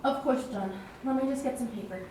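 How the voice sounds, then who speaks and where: A woman playing a compassionate, calm and steadfast wartime nurse in a stage play. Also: high-pitched, brisk, background noise, close to an everyday voice. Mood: gentle, caring. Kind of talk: stage musical play dialogue. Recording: very echoey stage, distant mic, loud music.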